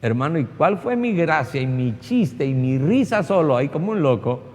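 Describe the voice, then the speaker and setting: Colombian pastor preaching in a hall. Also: male voice, on the high side, big pitch swings, moderate pace, darkish tone. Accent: Colombian Spanish. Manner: conversational preaching with acted-out voices and frequent restarts. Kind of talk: sermon.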